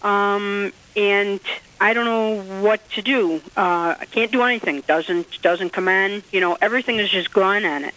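A woman calling in to a radio show from the Rochester, New York area, speaking hesitantly with pauses and fillers over a distant caller line. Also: mid-range voice, fairly bright tone. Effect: phoned in to a radio show.

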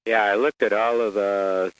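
A man's voice: lowish voice, level tone, moderate pace, rough recording. A man calling in to a radio show, asking a hesitant, polite question.

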